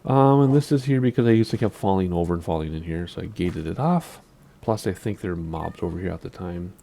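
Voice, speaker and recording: Gravelly low-voiced Minnesotan man. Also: animated, fairly quick, mellow, slight background noise. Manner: rambling, asks himself questions aloud. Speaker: Minecraft YouTuber giving a base tour. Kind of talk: casual gameplay commentary.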